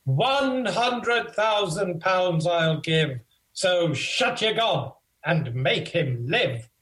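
A man's voice: high voice, expressive, extremely slow, fairly bright tone, full character voice. A man playing a grieving, blustering old king in a declaimed comic folk play. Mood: impatient. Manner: theatrical, declamatory. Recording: echoey room.

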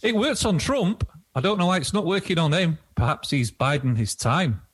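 A man's voice: fairly high pitch, normal speed, breathy edge. A man playing a boastful quack doctor, declaiming showy patter in a comic folk play. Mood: boastful, cheerful.

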